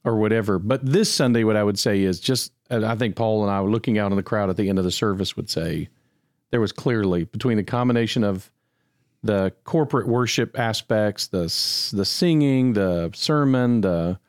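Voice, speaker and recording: A man with a fairly low voice chats casually on a church podcast, relaxed and halting, often restarting his sentences. The sound is dry and close to the mic, with no room behind him. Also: no room sound. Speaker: church staff podcast co-host. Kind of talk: casual chat.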